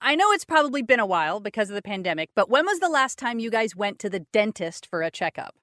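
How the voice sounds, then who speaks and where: A woman's voice: medium pitch, sing-song, fast talker, fairly bright tone, no room sound, studio quality. A woman from Austin co-hosting a casual podcast, chatting and laughing often as she tells stories and introduces news. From Austin, Texas. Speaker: podcast co-host.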